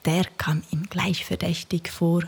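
A woman narrating a rhyming children's storybook in a soft, half-whispered voice. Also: lowish voice, level tone, measured pace, gravelly, breathy edge.

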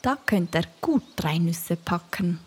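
Woman reading a children's rhyming tale; airy, half-whispered, unhurried. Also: fairly low pitch, lively intonation. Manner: soft, breathy, half-whispered storytelling. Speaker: narrator.

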